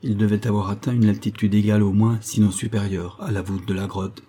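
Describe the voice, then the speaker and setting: A man reading a classic adventure novel aloud as a steady audiobook narrator. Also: lowish voice, fairly quick, slightly rough. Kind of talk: scripted narration.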